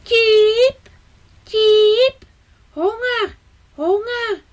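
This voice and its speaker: A woman voicing a tiny hungry baby sparrow in a storybook reading, chirping and calling for food in a high squeak. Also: very slow, heavily acted.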